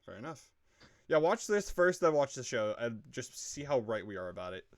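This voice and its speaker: A man's voice: medium pitch, very animated, moderate pace. A man co-hosting a casual show review, rambling with lots of fillers and frequent swearing. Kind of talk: casual chat.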